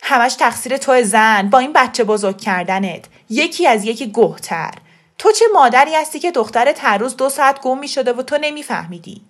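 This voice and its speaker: A woman reader voicing an angry middle-aged uncle who talks loudly and blames others. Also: fairly high pitch, lively intonation, close to an everyday voice. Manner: loud, blaming.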